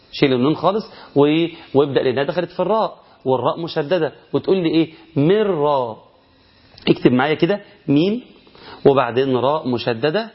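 Egyptian guy explaining recitation rules, bit higher pitched than most men, keeps asking questions then answering em himself, dull muffled recording. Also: husky. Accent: Egyptian Arabic. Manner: asks rhetorical questions and answers them himself. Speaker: Quran recitation teacher. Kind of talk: recorded lesson.

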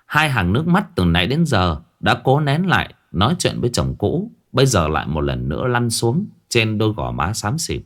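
A man narrating a horror story in an expressive, colloquial way. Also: fairly low pitch, moderate pace, hardly any pauses.

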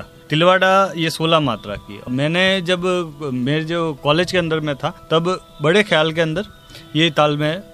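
Man teaching tabla over drumming. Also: a little high. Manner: explains calmly, then slowly recites tabla syllables. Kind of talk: spoken music lesson. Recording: tabla music in background. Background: tabla playing.

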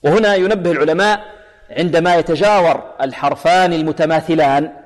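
A man teaching Quran recitation rules, explaining and then slowly demonstrating letters and verses. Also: on the high side. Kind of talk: tajweed lesson with recited examples. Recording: long hall reverb.

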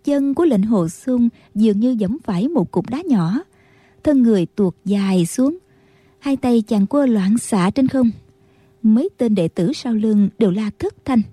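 A woman narrating a martial arts novel as an audiobook reader, in steady storytelling. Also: on the high side, a little slow, slightly rough, no echo. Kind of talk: scripted narration.

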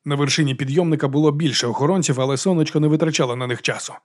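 Guy reading a fantasy audiobook, kinda high voice, goes fast. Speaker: audiobook narrator. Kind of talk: scripted fantasy audiobook narration.

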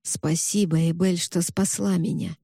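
A woman voicing a gentle young male ghost saying farewell, softly and tenderly. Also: fairly low pitch, fairly even intonation, a little slow, gravelly, no echo, clean studio sound.

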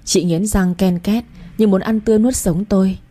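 A woman narrating a first-person story as an audiobook, steady storytelling. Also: mid-range voice, moderate pace.

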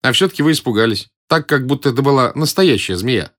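A man voicing a calm, teasing young African woman in an audiobook reading, with a cool, unbothered manner. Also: mid-range voice, fast talker, pitched above the performer's own voice, close to an everyday voice. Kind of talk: audiobook character voice.

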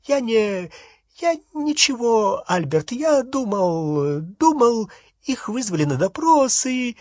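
A man's voice: a little high, big pitch swings, unhurried, slightly rough, no echo, studio quality, heavily acted. Man doing a jittery stammering balding wizard. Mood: stammering fearful. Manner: stammering, flustered. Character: nervous balding male wizard official, stammering.

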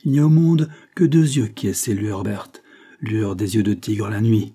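A man's voice: lowish voice, moderate pace, dark tone, slightly rough. A man reading the lines of a shrewd, grave middle-aged detective chief who reasons with insistence. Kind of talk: scripted narration.

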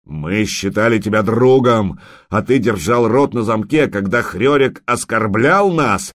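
A man's voice: mid-range voice, expressive, moderate pace, dry recording, studio quality, voice pushed up, natural voice. A man doing a roaring berserker warrior. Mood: furious roaring. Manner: roaring, snarling.

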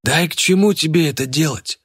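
A man's voice: fairly high pitch, fairly quick, a bit bright, breathy edge, no room sound, studio quality, pitched above the performer's own voice. A man voicing a fat, smug male thug who taunts in a mock-friendly way.

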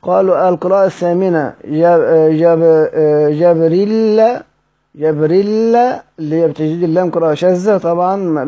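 Egyptian guy teaching quran readings, kinda high voice, stops and restarts a lot, muffled old recording. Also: dark tone. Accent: Egyptian Arabic. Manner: halting, restarts words, drawls out the names of readings slowly. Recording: dull lo-fi recording.

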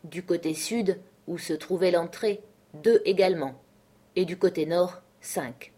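Woman, audiobook narrator, measured storytelling, slightly low voice. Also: mellow, slightly rough. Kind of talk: scripted narration.

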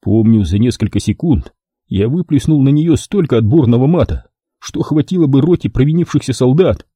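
A man's voice: mid-range voice, lively intonation, normal speed, mellow, breathy edge, no echo, clean studio sound. A man narrating a first-person crime audiobook in a wry, ironic storytelling manner. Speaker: audiobook reader.

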